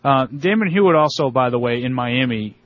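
A man's voice: medium pitch, lively intonation, fairly quick, dry recording. A man with a Boston accent talks sports as a radio co-host, casual and argumentative. His voice sits in a middle register, and he often repeats words to press a point. The sound is dry and a little dull, as in a lo-fi studio recording. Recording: muffled, dull lo-fi audio.

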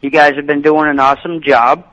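A man's voice: a little high, little pitch movement, fairly quick, a bit bright. Slangy male caller on a muffled phone line. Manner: easygoing, brash and slangy. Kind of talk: phone-in talk radio chat.

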